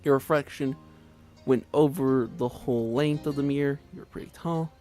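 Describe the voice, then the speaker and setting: A man's voice: medium pitch, normal speed, mellow, soft background music. A man streaming a story game, reading it aloud with giggly, chatty asides.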